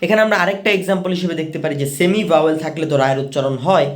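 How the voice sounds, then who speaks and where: A man's voice: fairly high pitch, racing. A man teaching an English pronunciation lesson, patiently repeating each rule step by step for his learners. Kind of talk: explanatory lesson.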